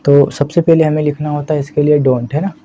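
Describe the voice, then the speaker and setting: A man teaching spoken English in Hindi, explaining slowly and checking in with "है ना" again and again. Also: fairly high pitch. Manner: slow, repeats "है ना" as a steady check-in. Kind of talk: explaining a language lesson in Hindi. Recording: slightly dull lo-fi audio with faint background hiss.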